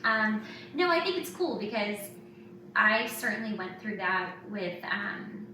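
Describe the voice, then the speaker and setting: Her medium-pitched voice is sing-song and measured as this author, who hosts a podcast, talks informally and fills her speech with filler words. The audio is clearly noisy and very echoey, captured from a distant microphone.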